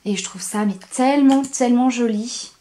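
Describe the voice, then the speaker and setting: A woman's voice: on the high side, moderate pace, warm tone. Chatty French-speaking woman doing makeup. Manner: enthusiastic, repeats words for emphasis; frequent hesitations with "euh". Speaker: beauty vlogger. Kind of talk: makeup tutorial.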